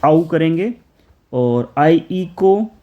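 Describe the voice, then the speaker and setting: A man's voice: a little high, lively intonation, normal speed, dull audio. A man teaching German for an exam, explaining each answer step by step, chanting article tables aloud and reading English questions.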